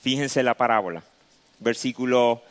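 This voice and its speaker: A man's voice: medium pitch, moderate pace. A man preaching a sermon, explaining a passage step by step and repeating his key phrases. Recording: long reverb in a large hall.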